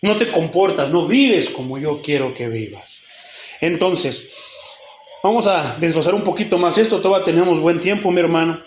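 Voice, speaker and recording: A man with a Mexican Spanish accent preaches in a raised, high voice that bounces around a reverberant church room. He leans on rhetorical questions and now and then sinks to a hushed, almost whispered delivery. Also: lively intonation, moderate pace, a little hiss or hum. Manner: rhetorical questions, sudden drops to hushed tones. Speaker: pastor. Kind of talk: sermon.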